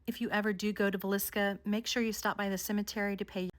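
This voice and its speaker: A woman vlogger narrating a countdown of haunted places in a measured storytelling way. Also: mid-range voice, level tone. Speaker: paranormal vlogger. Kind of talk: scripted narration.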